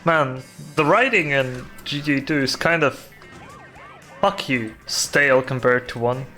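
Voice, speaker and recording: A man's voice: mid-range voice, measured pace, sharp tone, faint music behind. A man from Russia with a Russian accent, a streamer giving casual, swearing gameplay commentary. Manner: swearing offhand remarks.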